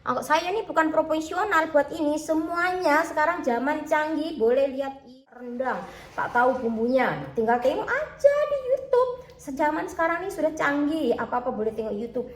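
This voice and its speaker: A high, animated voice at a moderate pace rings out in an echoey home kitchen. This Indonesian food seller vlogs in a Javanese accent blended with Malay, chatting casually and calling to viewers again and again with "teman-teman, ya," and she speaks of herself in third person.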